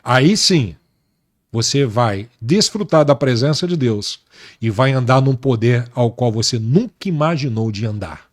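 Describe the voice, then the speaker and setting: A male pastor giving his personal testimony in an interview, speaking earnestly and slowly with emphatic repetition. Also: mid-range voice, animated. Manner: earnest, slow and emphatic, repeating words for weight.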